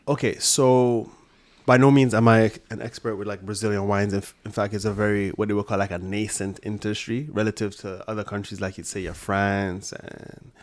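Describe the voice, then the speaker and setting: A man's voice: on the low side, level tone, normal speed. Casting: New man, interview guest, loose and profane storyteller with restarts. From Brooklyn, New York and Jamaica. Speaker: podcast guest, sommelier. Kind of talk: casual interview chat.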